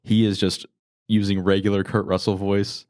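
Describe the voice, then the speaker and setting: A man's voice: on the low side, moderate pace, dry recording, clean studio sound. A man co-hosting a podcast, chatting casually and with opinions while he runs through a movie tier list. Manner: rambling and opinionated, with animated quoted lines. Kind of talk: casual movie review chat.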